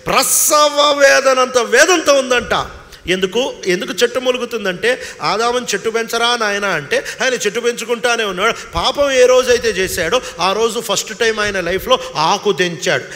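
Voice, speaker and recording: A man's voice: extremely high pitch, normal speed, bright, forceful tone, long reverb tail. A man with a Telugu accent preaching a sermon as pastor, dramatically voicing creation's laments in shifting tones. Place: church hall.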